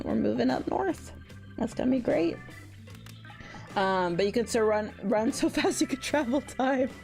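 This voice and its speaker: A woman's voice: a little high, darkish tone. A young woman streaming a game, chatting casually with her viewers, laughing often and cursing freely. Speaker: VTuber streamer. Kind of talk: casual livestream chat.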